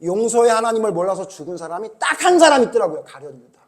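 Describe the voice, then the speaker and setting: A male pastor preaching a sermon, firing rhetorical questions at the congregation and building to a forceful rebuke. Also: high-pitched, very animated, fast talker.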